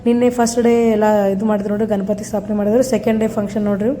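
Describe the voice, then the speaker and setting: A woman's voice: medium pitch, level tone, very fast, warm tone. A woman vlogger with a North Karnataka Kannada accent, narrating casually to her viewers at a neighbourhood festival. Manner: chatty, keeps saying "nodri" to viewers.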